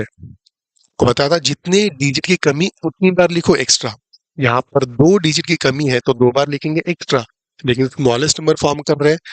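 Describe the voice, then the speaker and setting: A man's voice: mid-range voice, no room sound. Man teaching maths, repeats every step. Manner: explains step by step and repeats key points; chatty, jokes with students about the live class. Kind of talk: live online class teaching.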